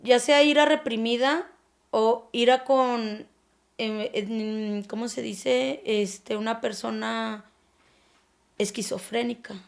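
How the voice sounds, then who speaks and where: A woman with a Mexican accent gives a personal testimony on a podcast. Her fairly high voice carries a gravelly fry, and she speaks haltingly. She searches for words and lets her sentences trail off softly. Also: fairly even intonation. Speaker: anonymous guest sharing her story.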